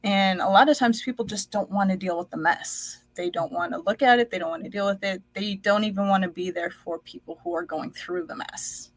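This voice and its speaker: As a guest, a US-born woman whose first language was Dutch reflects on her life story, pausing often and using many fillers. Her voice is medium-pitched, with no echo.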